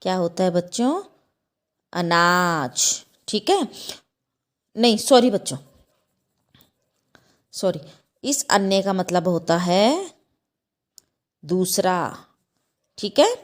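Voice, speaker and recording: A woman teaching a class of young children, explaining slowly and patiently, often checking understanding with a rising "okay?". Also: expressive. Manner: repeats "ठीक है?" with a rising pitch, asks children questions; slow, patient, self-correcting. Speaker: school teacher. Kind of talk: slow explanatory class lesson.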